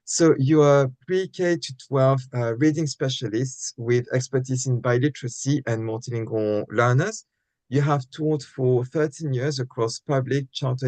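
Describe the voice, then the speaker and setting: A man's voice: mid-range voice, a little mellow, dry recording. A man hosting a live online interview, welcoming and introducing his guest in a polite, formal way. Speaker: host.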